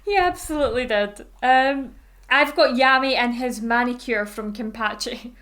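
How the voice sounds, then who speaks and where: A woman's voice: a little high, moderate pace, a bit bright. A Scottish woman co-hosting a podcast, chatting casually and informally with the odd swear word. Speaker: podcast co-host. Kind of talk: casual fan podcast chat.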